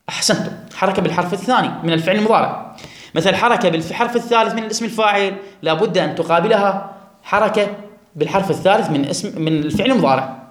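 A man teaching a classroom grammar lesson, drawing out and repeating words for his students. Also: high-pitched. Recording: echoey room.

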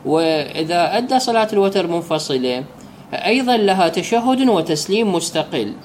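A man with an Iraqi Arabic accent explaining prayer rules as a religious teacher, slowing down whenever he recites the set formulas. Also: a little high, a little hiss or hum. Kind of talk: jurisprudence lesson.

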